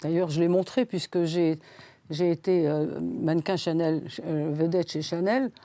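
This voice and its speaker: A Swiss woman in her eighties, appearing as a guest in a studio interview, rambles with many hesitations and repeated words. Her voice is low, dark, and steady, at a normal speed, with no room sound.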